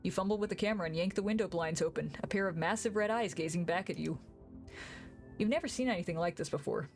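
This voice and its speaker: A woman's voice: fairly low pitch, fast talker, a little mellow, faint music behind. A woman streamer reading a visual novel game aloud live, playfully, with casual asides. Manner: playful, acts out dialogue.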